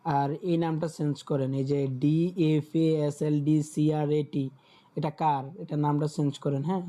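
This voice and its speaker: A man leads an online class over a video call, going slowly and checking that his students follow. His voice sits a little high but sounds dark and mellow. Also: flat delivery. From Bangladesh. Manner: patient, repeats words and checks in with listeners. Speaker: German teacher.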